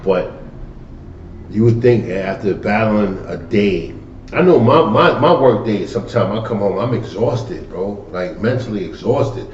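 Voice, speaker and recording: A man's voice: lowish voice, lively intonation, measured pace, a little mellow. A man co-hosting a casual podcast, rambling with restarts and casual swearing. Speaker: podcast co-host. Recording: echoey room, distant dull mic, faint hum.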